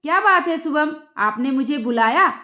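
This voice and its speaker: A woman narrating a storybook voices a crafty young daughter-in-law, speaking sweetly and with false innocence while slipping a quiet sting into her words. The pitch is very high and the intonation lively, at a moderate pace. The recording is muffled, with a roomy echo around the voice.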